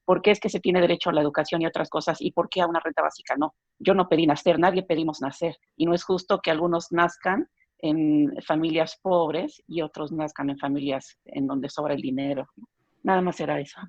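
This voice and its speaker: A woman's voice: sits low, fairly even intonation, brisk, dry recording. A woman joining a group discussion over a call, speaking sincerely after a hesitant start. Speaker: discussion participant. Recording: dry, dull lo-fi call audio.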